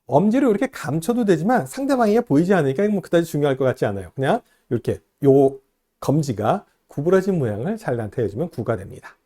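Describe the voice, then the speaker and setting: A man's voice: fairly high pitch, sing-song, fast talker, warm tone. A man giving a video lecture, explaining things step by step and asking the viewer questions.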